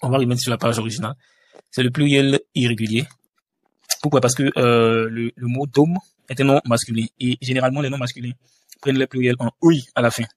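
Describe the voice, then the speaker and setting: A man's voice: medium pitch, fairly even intonation, a little fast. A man teaching a language lesson over a screen-share tutorial, hesitant, with many fillers and restarts.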